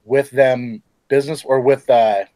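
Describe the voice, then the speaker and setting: A man's voice: mid-range voice, steady tone, a little slow, dark tone, no room sound. Male podcast host, loose and profane, dry close recording. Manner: swears often, loose and rambling. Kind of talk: casual gaming news chat.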